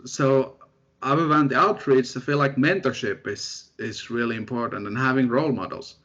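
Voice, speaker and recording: A young man from Finland, a postdoctoral researcher telling his story in a relaxed, self-deprecating way as an interview guest. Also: mid-range voice, normal speed. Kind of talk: casual interview chat. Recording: dull lo-fi audio.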